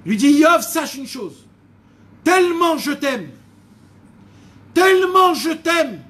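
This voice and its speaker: A man acting out God speaking, loving and mighty, in slow, loud, solemn declarations. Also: extremely high pitch, pitched above the performer's own voice, heavily acted.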